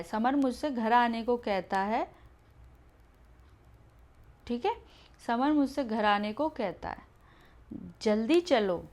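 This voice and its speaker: Female teacher, slightly high voice, explains patiently, repeats key answers. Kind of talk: exam-prep Hindi grammar lesson.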